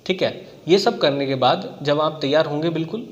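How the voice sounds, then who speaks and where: A man's voice: fairly high pitch, a little fast, long reverb tail, dull audio. A man coaching students on exam strategy in a conversational way, stopping often to check that they follow and walking through examples. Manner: conversational, repeats "theek hai" and talks through examples.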